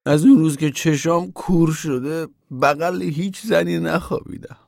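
A male narrator voicing a self-pitying one-eyed grown man who complains in a slow, plaintive way. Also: fairly high pitch, steady tone, vocal fry, a little mellow, dry recording, studio quality. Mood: complaining. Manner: plaintive, dragging delivery.

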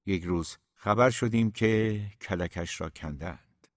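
A man's voice: deep voice, no room sound, clean studio sound. A man reading an audiobook, voicing an easygoing older shopkeeper who talks in a reminiscing way.

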